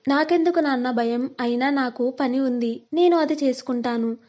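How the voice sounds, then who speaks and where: A woman voicing a young bride-to-be who is tender with her parents but quick with retorts, in a storybook reading. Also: high-pitched, a little mellow, highs cut off, natural voice. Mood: sharp, tender. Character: young bride-to-be, sharp-tongued yet tender.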